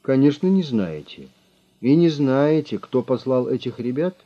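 A man voicing a calm, grim male detective who speaks in a measured, menacing way, on a slightly muffled recording. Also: medium pitch, pitched above the performer's own voice.

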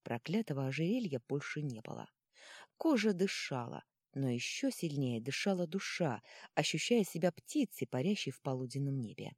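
A woman narrating a fantasy novel in a lively, expressive reading. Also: deep voice, normal speed, slightly rough, no room sound, clean studio sound. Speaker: audiobook narrator.

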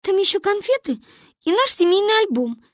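A woman voicing a shy, nervous little girl who speaks in a timid, earnest squeak. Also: sing-song, moderate pace, dry recording, clean studio sound.

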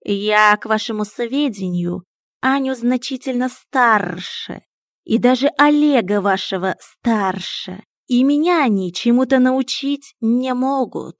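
A wise old tomcat who drawls his words slowly and lectures with dry mockery, as a woman reading a storybook puts him on. The voice is close and dry, with no room sound around it. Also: on the high side, no echo, pitched above the performer's own voice. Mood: stern drawl. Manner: slow, drawling, stern and mocking. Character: wise sardonic old male talking cat.

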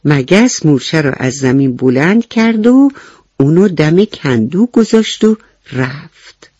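A woman telling a bedtime story to children on the radio, gentle and clear, asking the little listeners questions as she goes. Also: deep voice, sing-song, dry recording, highs cut off.

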